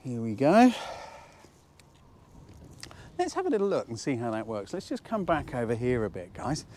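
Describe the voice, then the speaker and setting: A British man in his fifties with a squeaky voice from a cold, chatting casually and jokily as he teaches outdoors, often asking rhetorical questions. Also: huge pitch swings, moderate pace, a little mellow, a little hiss or hum. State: has a cold. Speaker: photography instructor and presenter. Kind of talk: casual instructional talk to camera. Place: outdoors at a waterside harbour slipway.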